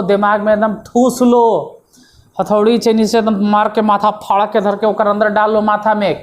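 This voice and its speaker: A woman gives an informal grammar lesson at a middle pitch. She talks emphatically, drilling the same rule again and again. She turns to mock scolding when she points out common mistakes. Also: darkish tone. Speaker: English grammar teacher. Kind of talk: informal classroom-style lesson.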